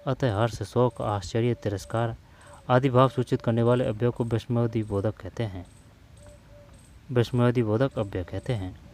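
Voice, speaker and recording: A man's voice: mid-range voice, steady tone, darkish tone. A man teaching a Hindi grammar lesson, listing words and repeating them so students memorize them, calling listeners brother. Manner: slow, repeating terms to drill them, addresses students as brother.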